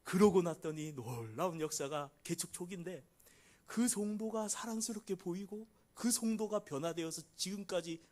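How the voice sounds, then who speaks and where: A middle-aged man preaching a sermon as pastor, acting out quoted prayers with big shifts from loud cries to hushed pleading. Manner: dramatic, acts out quoted prayers with big swings in pitch and volume.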